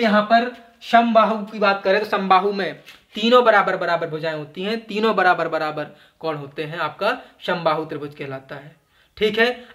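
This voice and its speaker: A man's voice: sits high, a bit bright. A man teaching a geometry class in a coaching classroom, asking the students questions and answering them himself, with a lot of repetition. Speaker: maths teacher. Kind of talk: classroom lecture. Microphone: camera in front of him.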